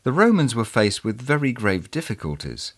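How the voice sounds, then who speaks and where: A man hosting a podcast, reading historical documents aloud in a measured, expressive way. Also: medium pitch. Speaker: podcast host and reader.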